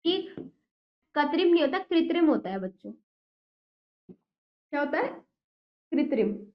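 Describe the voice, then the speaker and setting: A woman teacher reading a children's textbook lesson aloud with slow, deliberate diction and quizzing the children with questions. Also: high voice, big pitch swings. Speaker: primary school Hindi teacher. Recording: roomy, dull lo-fi sound.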